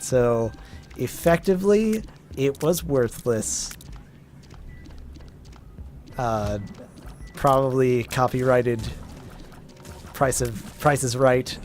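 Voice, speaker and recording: A man's voice: medium pitch, darkish tone. A man casually commenting on his own gameplay as a let's play host, rambling with self-deprecating asides.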